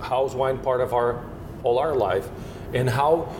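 Guy w/ talking winemaking in an interview, keeps restarting his sentences, hissy rumbly recording. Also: unhurried. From Portugal. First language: Portuguese. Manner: searching for words with frequent restarts. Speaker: winemaker guest. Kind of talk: descriptive interview answers. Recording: steady noise and low rumble.

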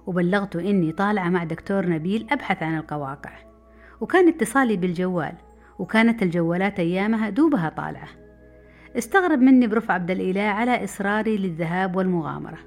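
Middle-aged woman, quick memoir narration over faint music. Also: fairly low pitch. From Saudi Arabia. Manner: brisk, lively narration. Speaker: storyteller. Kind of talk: personal memoir storytelling. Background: faint background music.

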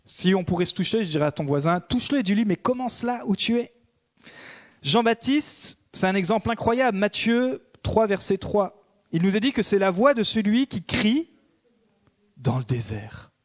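A man preaching a sermon as a pastor, swinging between emphatic raised peaks and hushed prayerful passages. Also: high voice, normal speed.

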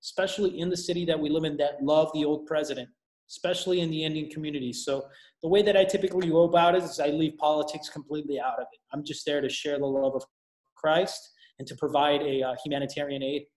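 A young man from Colombia, a missionary guest in a casual interview. His voice sits a little high for a man and rings in an echoey room. He talks in a relaxed, rambling way, full of "uh" and "you know". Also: fast. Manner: relaxed, rambling with frequent fillers.

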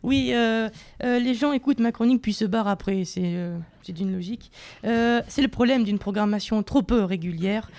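A man's voice: sits high, moderate pace, darkish tone, no room sound. A young man delivering a comic opinion column on student radio, mock-boastful and self-mocking, with many hesitations, into a studio microphone. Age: young adult.

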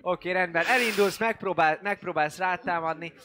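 A man's voice: high-pitched, noisy background. A man running a tabletop game as game master, narrating in a rambling, hesitant way with many fillers.

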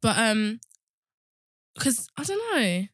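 Young female co-host, southern English accent, casual teasing chat, bright tone, very dry sound. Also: on the high side, lively intonation, takes it slowly, dry recording. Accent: southern English, British. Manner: teasing, informal. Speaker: podcast co-host.

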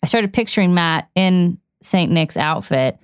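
A woman hosts the conversation with lively, upbeat questions. Her voice sits fairly low, and the recording is dry and close. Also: measured pace, smooth, dry recording. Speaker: podcast host. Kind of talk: casual interview.

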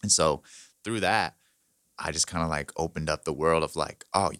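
A man's voice: very deep voice, moderate pace, fairly bright tone, dry recording, studio quality. A man of twenty-eight in casual chat, laid-back and slangy, full of "like" and "bro".

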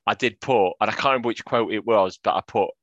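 A man in his forties co-hosts a football podcast, chatty and self-mocking in a casual conversation. His voice is on the low side but fairly bright in tone, and he speaks fast. The recording is dry, with a dull lo-fi sound.

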